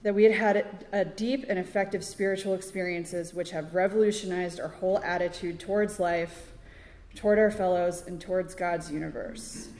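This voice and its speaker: Woman recovery speaker, halting, chatty fillers, small laughs, recorded in a reverberant hall. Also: fairly low pitch, fairly even intonation, darkish tone. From Connecticut, USA. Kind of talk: personal recovery testimony. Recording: echoey hall with long reverb.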